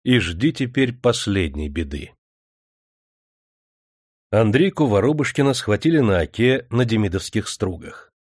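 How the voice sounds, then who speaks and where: A man reading a historical novel aloud in steady audiobook narration. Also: on the low side, unhurried, pauses often, no room sound, clean studio sound.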